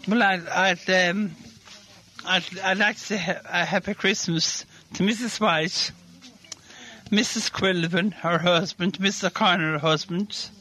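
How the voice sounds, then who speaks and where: A man's voice: sits high, fairly even intonation, a little slow, pushed and bright. An Irish man chatting cheerfully and laughing often, heard on an old 1980s local radio recording. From Ireland. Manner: jolly, laughs often, rambling. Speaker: interviewee. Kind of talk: casual radio interview chat.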